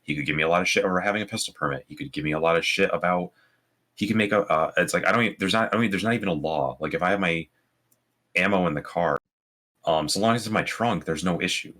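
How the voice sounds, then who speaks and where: Guy with a super deep voice, bright edge, keeps restarting his sentences, podcast chat. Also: quick pace. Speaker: podcast co-host. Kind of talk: casual chat.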